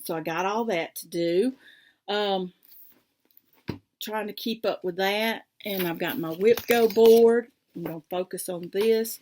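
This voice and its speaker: A woman's voice: medium pitch, unhurried, darkish tone, slight background noise. Rambling woman, crafting vlog. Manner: rambling, easily sidetracked, with many fillers. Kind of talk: casual chatty vlog. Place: home craft room.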